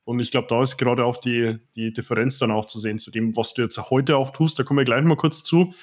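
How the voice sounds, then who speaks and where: This podcast host, a personal trainer, has a steady, mid-range voice and a brisk pace. His interview questions run long and wordy, packed with fillers and repeated uses of "auch."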